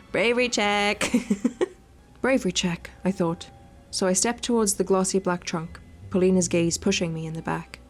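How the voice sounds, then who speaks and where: Over game music, a woman streaming a video game reads the story text of a visual novel with expression and adds teasing, crude asides as joking commentary. She speaks at medium pitch in a steady tone, without hurrying.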